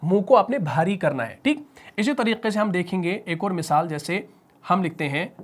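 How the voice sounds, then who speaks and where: A man with a Pakistani Urdu accent teaching Quran recitation rules, who asks the class questions, answers them himself and stretches out the example words slowly. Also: high voice, animated, a little hiss or hum. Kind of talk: spoken tajweed lesson at a whiteboard.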